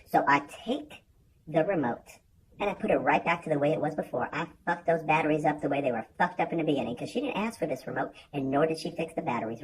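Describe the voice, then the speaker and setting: A man's voice: a little high, slight background noise, low-quality recording. A man telling a comedic story in an exasperated, profane way, acting out the other people's lines himself. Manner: exasperated, profane, acts out quoted voices. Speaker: vlogger.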